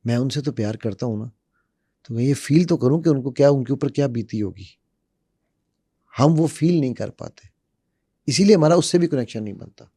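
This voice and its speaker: A man in middle age lays out how to speak in public, teaching patiently through demonstrations and repeated examples. His voice is mellow and dark, recorded dry and close with no room sound. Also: medium pitch, expressive, moderate pace, pauses often, husky, dry recording. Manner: demonstrative, uses repetition and acted examples. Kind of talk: animated explanatory talk.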